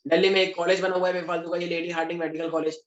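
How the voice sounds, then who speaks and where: A man's voice: high voice, flat delivery, very fast, dull audio, slight background noise. Joking young male teacher, echoey classroom. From Delhi, India. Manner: joking, chatty, mixes English terms. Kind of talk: classroom lecture.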